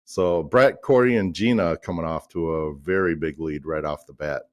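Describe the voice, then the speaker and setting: A man's voice: extremely low pitch, normal speed, dry recording, clean studio sound. A man co-commentating on a darts match in a casual, folksy, self-deprecating way. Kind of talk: casual chatty sports commentary.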